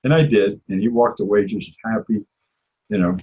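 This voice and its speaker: A man's voice: on the low side, big pitch swings, normal speed, gravelly, mellow, breathy edge. A man teaching an informal religious class, talking in a conversational way and telling personal stories. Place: lives in Israel. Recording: dull lo-fi recording.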